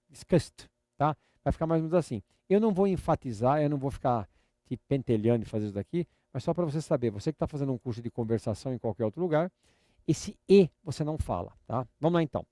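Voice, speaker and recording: A man's voice: on the high side, dark tone, no room sound, studio quality. An older man with a Brazilian Portuguese accent teaching a live online lesson. He drills words patiently through repetition and adds some playful teasing. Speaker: English teacher.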